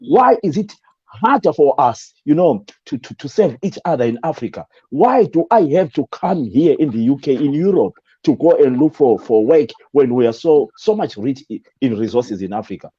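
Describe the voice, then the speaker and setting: A man's voice: medium pitch, expressive, moderate pace, warm tone, slightly rough, dull audio. A man from Zimbabwe, a guest on an interview, talking in a hesitant way with many fillers and restarts. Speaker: guest, radio presenter. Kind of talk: interview conversation.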